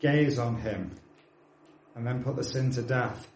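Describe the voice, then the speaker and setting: Unhurried and a little mellow, this British man of forty speaks at a medium pitch as he delivers a sermon. He earnestly exhorts his listeners and slips in simple, friendly remarks, all in a reverberant space.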